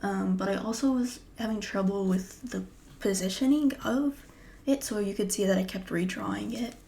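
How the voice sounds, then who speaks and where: A young woman casually chatting about her drawings, often dropping into a breathy half-whisper. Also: mid-range voice, normal speed, mellow. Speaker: artist vlogger. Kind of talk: casual vlog commentary.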